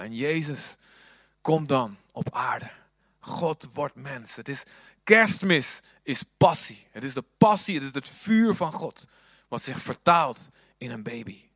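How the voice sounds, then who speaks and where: A man preaching a sermon, moving between hushed, whispered passages and loud, fervent appeals. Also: mid-range voice, breathy edge, no room sound, studio quality.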